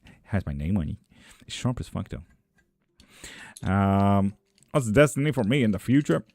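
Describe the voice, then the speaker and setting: A young man hosts a tarot and witchcraft livestream, reading chat messages aloud and bantering loosely, with heavy swearing. He talks at normal speed in a fairly low, darkish voice that is very animated. The recording has no echo.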